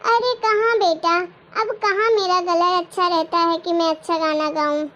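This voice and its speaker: A soft, weary old grandmother who speaks kindly and a little shakily, as a woman acts her out. Her voice still sits very high, with a patient, resigned tone. She sounds like a character in a home-made family skit. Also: steady tone, moderate pace, muffled recording. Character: elderly grandmother, gentle and long-suffering. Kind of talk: comic family skit acting.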